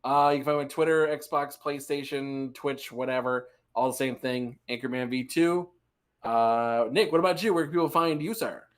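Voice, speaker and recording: A man with a mid-pitched, everyday voice co-hosts a gaming podcast in casual chat. He talks in a relaxed, jokey way, full of filler words and easy laughter. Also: normal speed. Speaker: podcast co-host.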